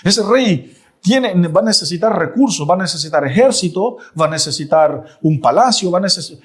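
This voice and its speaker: A man quoting God in a sermon, speaking as a calm and sovereign voice that reassures and commands in a measured way. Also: high voice. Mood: firm, measured.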